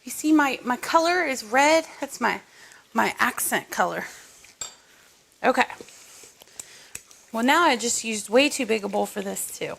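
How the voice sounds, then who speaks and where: A fairly high-voiced woman talks viewers through a recipe in her home kitchen. Her tone is chatty and casual, with asides and small jokes as she cooks. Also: expressive, unhurried, creaky, long pauses, a bit bright, slightly rough. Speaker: cooking show host. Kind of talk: casual cooking tutorial.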